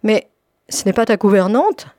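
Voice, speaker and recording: A woman's voice: medium pitch, expressive, moderate pace, dark tone, no room sound, clean studio sound, voice pushed up, lightly acted. A woman reading an audiobook, voicing a stern, haughty charity lady in her fifties with cold politeness. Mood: coldly polite. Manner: coldly polite, sharply questioning.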